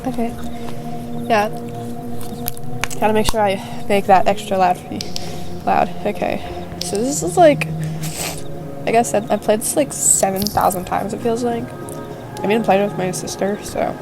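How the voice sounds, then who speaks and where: Young woman with a cold, stuffy and gravelly, slow-talking gameplay commentary with game music behind. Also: medium pitch, low-quality recording. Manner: rambling, lots of filler "like". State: stuffy and sick, coughing. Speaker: gaming video host.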